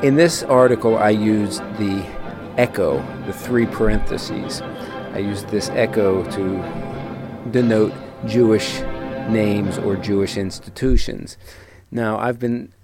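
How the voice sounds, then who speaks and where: An older man hosting a solo radio podcast, lecturing slowly and deliberately, then reading his own article aloud. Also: fairly low pitch, over music. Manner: slow, deliberate lecturing delivery.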